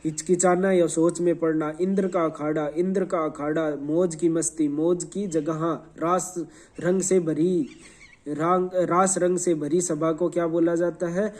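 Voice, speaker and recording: High, mellow-voiced man drilling revision. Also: fairly even intonation, measured pace. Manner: repeats and quizzes, spells words letter by letter. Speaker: teacher. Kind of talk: quick revision lesson.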